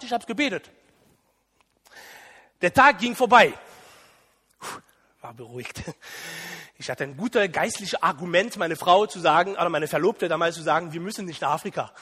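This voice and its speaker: A man preaching a sermon, telling stories with animated bursts of emphasis. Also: high voice, husky, in a large hall.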